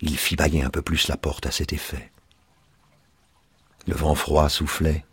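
A man narrating a story in a calm, measured audiobook reading. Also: extremely low pitch, husky, no echo.

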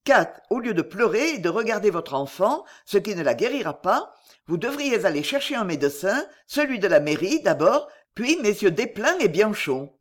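A calculating male spy speaks in measured, sententious phrases, read by a woman in her own voice. The reading moves lively up and down. He sounds composed and in control. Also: medium pitch. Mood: commanding. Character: cunning older male spy, calm and sententious. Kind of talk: audiobook character reading.

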